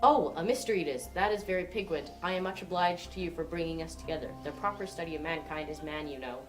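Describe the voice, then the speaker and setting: A woman's voice: sits low, fast, close to an everyday voice. A woman playing an earnest, war-weary army doctor in an amateur drama reading, with music playing behind. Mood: curious. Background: background music.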